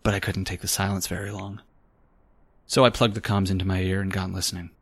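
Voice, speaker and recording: A low-voiced, weary noir detective. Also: male voice, flat delivery, brisk, fairly bright tone, slightly rough, no echo, heavily acted. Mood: brooding, wry. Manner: wry, exasperated, hardboiled. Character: world-weary, sarcastic male private detective, brooding and stubborn. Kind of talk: noir audio drama narration and dialogue.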